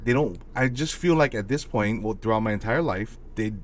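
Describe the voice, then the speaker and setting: A man's voice: on the low side, lively intonation, normal speed, a little hiss or hum. A man from Hawaii with a Hawaiian accent, co-hosting a casual podcast, talking passionately and swearing freely. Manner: passionate, heated, swears freely, keeps asking "you know what I mean". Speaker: podcast co-host.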